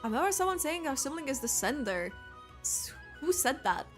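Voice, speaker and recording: A woman streams a game, offering casual, rambling commentary as she thinks aloud and corrects herself. Her voice is high-pitched, very animated and brisk, with faint music in the background.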